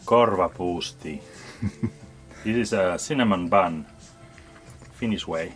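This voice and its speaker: A man's voice: low voice, soft background music. A man chatting casually outdoors on an island by the sea, answering in short, laconic remarks. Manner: slow, laconic replies. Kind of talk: casual chat.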